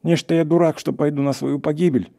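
A man's voice: medium pitch, animated, normal speed, mellow, slightly rough, pitched above the performer's own voice. Man putting on a whiny frightened forester. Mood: whining. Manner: plaintive, whining, moaning. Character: scared pious old male forester, whiny.

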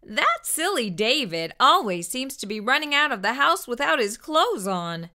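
In a small furnished room, a middle-aged woman wearing a lapel mic reads a children's story aloud, talking right to the young listeners. Her voice sits high and sounds bright and forceful, with a sing-song lilt at a moderate pace. She leans hard into exaggerated emphasis.

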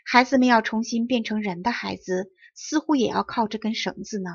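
Husky woman reading a storybook. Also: on the high side, a little fast, dull audio. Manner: clear, carefully enunciated reading. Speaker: audiobook reader. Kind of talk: storybook narration.

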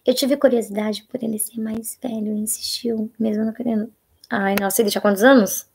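A young Brazilian woman with a husky voice, hosting a casual live Q&A, chatting and reading viewer questions aloud, sometimes dropping to a hush. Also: on the high side, steady tone, fairly quick. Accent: Brazilian Portuguese. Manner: chatty, reads viewer comments aloud, drops to a hushed voice for private topics. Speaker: live-stream host answering viewer questions.

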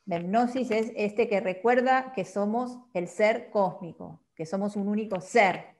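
A woman's voice: mid-range voice, a little slow, darkish tone. Woman w explaining things step by step, patient, keeps tagging points with a little question. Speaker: guest teacher. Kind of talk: explanatory talk on a calendar system.

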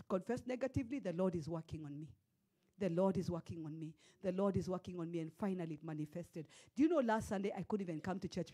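Preaching into a handheld microphone in a church hall, a Kenyan woman pastor in her forties swings between loud declarations and hushed storytelling. Her voice sits high.

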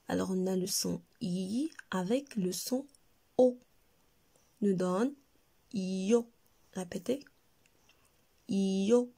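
A woman with a Moroccan French accent, teaching a slow reading lesson to young children and repeating each word carefully for her pupils. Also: medium pitch, warm tone, breathy edge. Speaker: primary school teacher.

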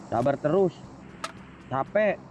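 A young man in casual gaming banter, loud and teasing, swearing as he plays. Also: fairly high pitch, expressive, takes it slowly, slight background noise. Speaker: mobile game player.

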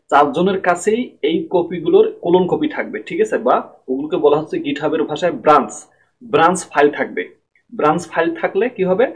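A man's voice: on the high side, husky, low-quality recording. A man giving a screen-recorded programming tutorial at his computer, explaining step by step and often checking that listeners follow.

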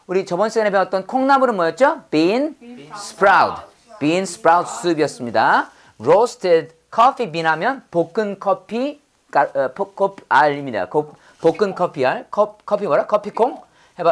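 Slow, lively-pitched woman drilling English words. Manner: slow repeated English drills, coaxing students to repeat. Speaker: English vocabulary teacher. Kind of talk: drilling lesson with call-and-repeat.

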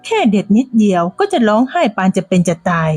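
A woman voicing a bossy, teasing elderly village woman who talks in a shrill, dismissive way. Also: sing-song, fast talker, a little mellow, no room sound, soft background music. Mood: whiny.

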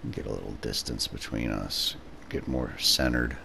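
A young man commenting on a game with a friend, swearing often and calling out tactics with excitement. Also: rumbling low, normal speed, creaky, a little hiss or hum. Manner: profane, excitable tactical callouts. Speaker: gamer streaming with a friend. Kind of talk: casual gaming commentary.

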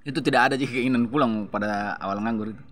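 Brief: male host, Makassar accent, medium pitch, eager agreeing interviewer, faint background noise. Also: racing, a bit bright. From Sulawesi. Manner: frequent agreeing backchannels. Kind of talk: casual interview.

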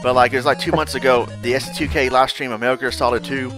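A man hosting a casual interview, an animated storyteller who laughs often and acts out quotes. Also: medium pitch, fast talker, music in the background. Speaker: podcast host.

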